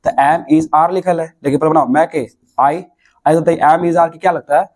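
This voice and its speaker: A man's voice: on the high side, fairly even intonation, unhurried, darkish tone. A young man with a Bihari Hindi accent teaching a classroom grammar lesson, explaining step by step and answering his own questions.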